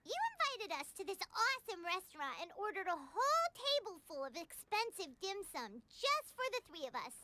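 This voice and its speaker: A woman voicing a tiny, greedy, cheerful childlike companion in a video game, squeaky and exaggerated. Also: big pitch swings, brisk, hardly any pauses, heavy background noise. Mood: smug, inquisitive. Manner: squeaky, exaggerated, speaks of herself in third person. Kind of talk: video game character voice acting. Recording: game music behind the voice.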